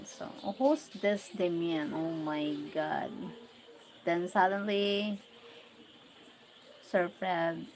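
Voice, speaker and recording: A woman's voice: fairly low pitch, slight background noise, low-quality recording. A Filipino woman in her forties with a Filipino accent, chatting casually on a livestream, reading out viewer comments and exclaiming often. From Philippines. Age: 40s. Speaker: livestream host.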